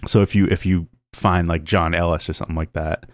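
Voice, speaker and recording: A man's voice: sits low, steady tone, a little fast, no room sound. A man co-hosting a podcast in laid-back, slangy casual chat, laughing often. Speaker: podcast co-host.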